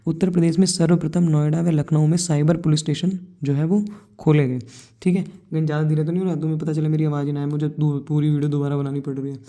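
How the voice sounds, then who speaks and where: A woman's voice: deep voice, level tone, quick pace, warm tone. A young woman teaching an exam coaching lesson in a chatty, informal way, speaking straight to her students and teasing them now and then. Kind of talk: informal online lecture.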